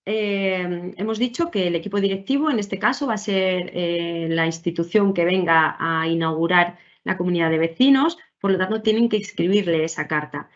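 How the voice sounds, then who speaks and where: A woman's voice: fairly low pitch, normal speed, hardly any pauses. Hesitant woman teacher explaining. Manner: hesitant, many fillers and tag questions. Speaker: primary school teacher. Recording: dull lo-fi audio.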